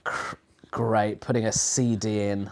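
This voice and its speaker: A man's voice: lowish voice, level tone, unhurried, darkish tone. A man hosting a casual watch-along stream, sarcastic and dry, with plenty of swearing. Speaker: stream host.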